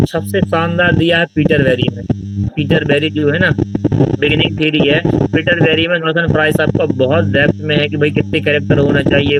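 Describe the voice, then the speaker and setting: A man leads an informal exam-prep literature class, walking through answers and checking in with listeners. His voice sits a little high. He is picked up from a distance, with heavy noise behind him. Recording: distant mic with loud background noise.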